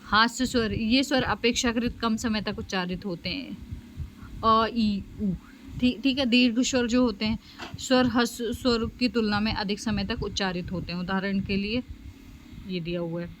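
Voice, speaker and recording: A woman's voice: medium pitch, steady tone, normal speed, slight background noise, poor audio. A woman teaching a special education lecture and explaining slides, with lots of fillers and "okay?" checks. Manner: explanatory, frequent fillers and "theek hai" checks. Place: home.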